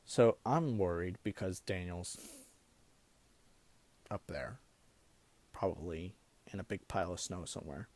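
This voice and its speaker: A young man telling a comic personal story in an animated way, now and then breaking into laughter. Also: sits low, unhurried, pauses often.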